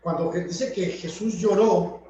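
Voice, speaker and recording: A man teaches from scripture at an unhurried pace, rephrasing each idea again and again. His voice sits high. The recording is dull and distant, with heavy room echo. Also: dark tone. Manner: explanatory, repeats and rephrases points. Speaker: preacher. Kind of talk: Bible study sermon. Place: church hall.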